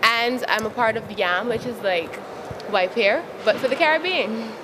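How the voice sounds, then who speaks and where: A young adult woman from Barbados, interviewed as a youth advocate, answers questions frankly and with frequent laughter. Her voice sits on the high side, she speaks at a moderate pace in a Barbadian accent, and the outdoor recording picks up traffic noise.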